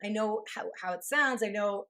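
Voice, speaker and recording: A woman in her thirties, co-hosting a podcast, telling stories in a lively casual way with swearing and laughs. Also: mid-range voice, normal speed. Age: 30s. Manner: animated storytelling, swearing and laughing. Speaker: podcast co-host. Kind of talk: casual chat.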